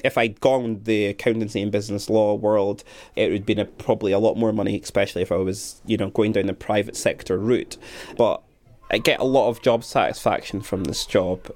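Young man, somewhat low voice, primary teacher, earnest, measured reflective talk. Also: fairly even intonation, a little mellow. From Scotland.

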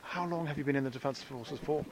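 A man's voice: mid-range voice, fast. A man working as a radio reporter, doing an on-location interview outdoors. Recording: outdoor field recording with background noise. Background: outdoor ambience on a military range.

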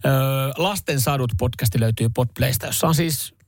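A man's voice: mid-range voice, dry recording. A man hosting a radio morning show podcast, chatting casually and often restarting his sentences.

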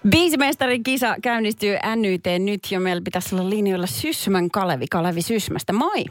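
Lively woman radio host in studio. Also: mid-range voice, soft background music. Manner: lively, laughs easily, quick banter. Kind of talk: afternoon radio show chat. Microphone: studio microphone.

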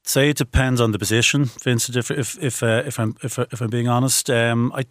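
A man's voice: medium pitch, steady tone, brisk, dry recording, studio quality. A man speaking as a recruiter on a discussion panel, often repeating words as he starts a point.

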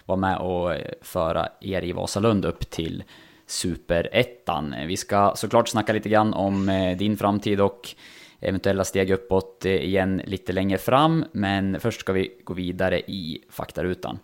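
A man with a very low voice leads the interview. He asks questions in a measured way, leaning on fillers between phrases. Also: steady tone.

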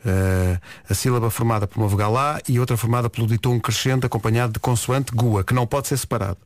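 A male morning radio host with a European Portuguese accent. He talks at a rapid clip in an ordinary mid-range voice. His manner is brisk and chatty as he links the segments. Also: medium pitch, steady tone, no echo. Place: radio studio.

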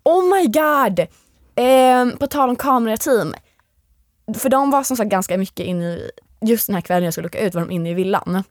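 Her voice sits on the high side, recorded dry at studio quality. She's a young woman and a former reality show contestant, a guest in an interview who tells a story with great energy and acts out quoted lines.

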